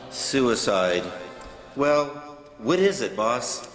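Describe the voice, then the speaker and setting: A man's voice: medium pitch, big pitch swings, drawn-out words, fairly bright tone, soft background music, exaggerated voice. A man playing an eager, naive junior angel in a stage radio play, inquisitive in manner. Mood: puzzled. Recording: echoey hall.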